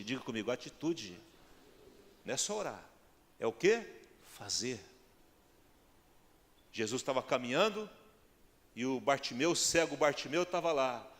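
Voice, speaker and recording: With lively intonation and a slightly bright medium-pitched voice, a man with a Brazilian Portuguese accent delivers a sermon at a moderate pace, pausing often. He challenges the congregation with rhetorical questions and builds to emphatic peaks, his words echoing with long reverb in a church hall.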